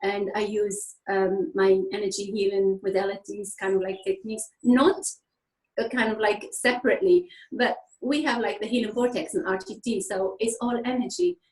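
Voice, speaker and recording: A therapist guest from Tunisia, who grew up speaking French and Arabic, describes her practice in a loose, conversational explanation at normal speed. Her mid-range voice is animated; she laughs often and relies on fillers like "kind of like," and the room echoes.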